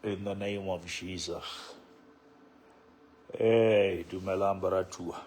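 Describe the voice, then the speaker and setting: A man with a Sotho accent speaks at a very slow pace in a fairly low voice. He talks casually, as a church leader on a livestream, repeating phrases as he greets people. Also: fairly even intonation, darkish tone, slight background noise. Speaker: bishop, live stream host.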